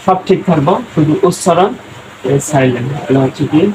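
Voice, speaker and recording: A man teaching a spoken-English lesson, slowly breaking words into syllables and repeating them as he writes. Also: a little high, noisy background. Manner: slow, repeats words syllable by syllable while writing.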